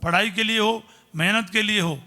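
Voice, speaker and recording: Man, priest, middle-aged, storytelling sermon, very sharp bright tone. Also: high-pitched, moderate pace, faint music behind. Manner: storytelling preacher, simple conversational Hindi, exclaims hallelujah. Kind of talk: sermon with personal stories.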